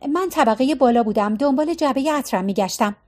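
Narrator doing an insistent young woman, accusing, higher than the narration. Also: expressive, a little mellow. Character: young woman, annoyed, demanding her lost box.

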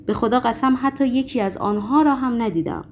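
Woman reading a blustering, frightened male chairman; shouted, higher than her own voice. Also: a little hiss or hum, lightly acted. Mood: panicked. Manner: shouting, gruff and flustered. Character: panicky bullying middle-aged male building chairman.

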